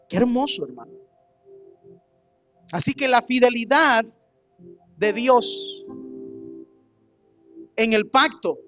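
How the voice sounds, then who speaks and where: A man's voice: very high-pitched, fairly bright tone. A male pastor delivers an expository sermon, pressing his points with rhetorical questions. The recording sounds dull and lo-fi, with faint music underneath. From Colombia. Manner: emphatic, rhetorical questions to the congregation.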